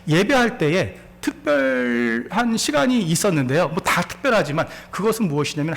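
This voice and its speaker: A man in his forties preaches a sermon as a pastor, his voice high-pitched, gravelly, and swinging widely up and down. He laughs as he tells his story and repeatedly puts questions to the congregation.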